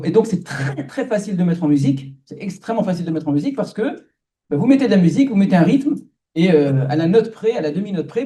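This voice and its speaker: Rabbi lecturing with many hesitations. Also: male voice, on the high side, mellow. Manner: explanatory, many hesitations and restarts, asks the audience rhetorical questions. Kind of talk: lecture to an audience.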